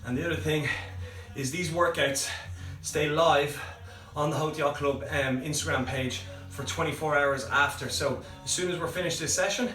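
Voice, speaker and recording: A man leading a live home workout as a fitness coach, giving brisk, encouraging cues and breathing prompts. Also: on the high side, fairly even intonation. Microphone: phone livestream from a distance. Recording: roomy, far from the mic, faint music.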